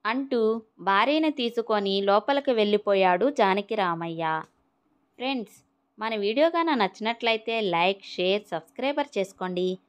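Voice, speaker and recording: A woman narrating a children's moral story in a steady, expressive manner. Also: mid-range voice, normal speed, clear, resonant tone.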